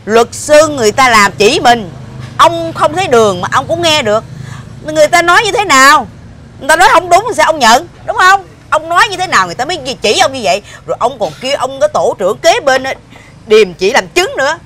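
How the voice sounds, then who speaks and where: An exasperated, sharp-tongued mother, scolding at a rapid clip. Her voice is a little high and rushes on in indignant bursts. Faint street noise sits underneath. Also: lively intonation. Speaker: former wife. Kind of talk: TV drama acting.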